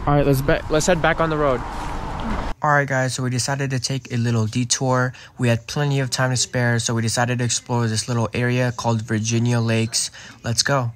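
A man's voice: medium pitch, little pitch movement, brisk. A man vlogging a road trip, chatting casually to viewers and calling them y'all. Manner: laid-back, addresses viewers as y'all. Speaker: travel vlogger. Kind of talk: casual chat to camera. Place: outdoors on a mountain road trip and in a car.

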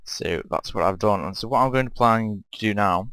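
A man's voice: fairly low pitch, moderate pace, a bit bright, smooth, no echo. A man casually commenting as he plays and builds in a game, rambling and thinking aloud as he asks himself questions. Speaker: game player and channel host. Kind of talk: casual let's-play commentary.

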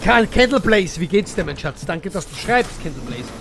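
A man streaming a horror game live, chatty and impatient, talking to his chat and to himself, swinging from mumbles to loud outbursts. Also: high voice, very animated, moderate pace, gravelly, soft background music. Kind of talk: live gameplay commentary.

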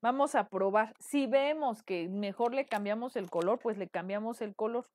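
Fairly high-pitched yet darkish in tone, this Mexican-accented woman teaches decorative painting live at a moderate pace. The recording is dry, and she keeps checking in with her audience as she works.

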